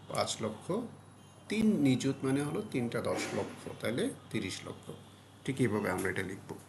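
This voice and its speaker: A man talks through a math lesson for young pupils at a middle pitch, one step at a time. He repeats each number patiently and often pauses on "aah" to correct himself. A faint hum of ambient noise sits behind him. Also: gravelly. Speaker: math tutor. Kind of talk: step-by-step tutorial explanation.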